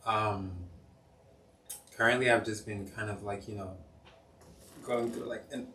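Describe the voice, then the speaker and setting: A man's voice: fairly low pitch, fairly even intonation, measured pace, sharp tone. A young man from Cameroon, a podcast guest, talking in a chatty, jokey way full of "um" and "like". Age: young adult. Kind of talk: casual interview chat. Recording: roomy, distant mic, faint noise.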